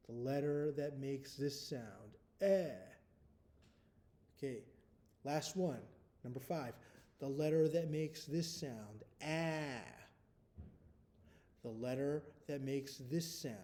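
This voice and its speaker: A man teaching first graders, dictating a spelling test slowly and deliberately, repeating each word and sound and spelling letters out. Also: mid-range voice, warm tone.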